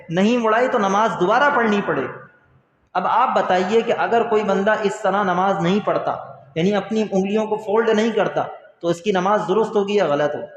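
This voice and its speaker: A man with a high voice teaches a religious lesson in earnest, asking questions and then answering them, and repeating each key point. He calls his listeners brother. The recording is echoey, with a long hall reverb. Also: dull audio. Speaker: Islamic teacher.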